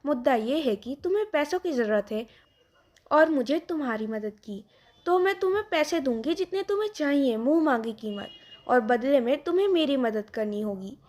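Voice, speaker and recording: A stubborn young rich daughter read by a woman narrator talks back and plots. The voice is high and bright. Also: lively intonation, normal speed. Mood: scheming. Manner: defiant, complaining.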